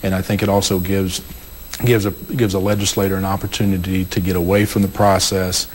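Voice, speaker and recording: A man's voice: low-pitched, little pitch movement, a little fast, a little hiss or hum, poor audio. A man, a state legislator and former prosecutor, explaining his views on a panel, often repeating words as he thinks. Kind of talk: panel discussion.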